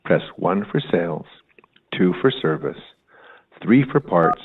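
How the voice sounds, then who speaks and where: A man in a recorded phone menu message, slowly announcing a dealership greeting and menu options in a formal, even way. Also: sits low, slightly rough. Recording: tinny phone line from far off.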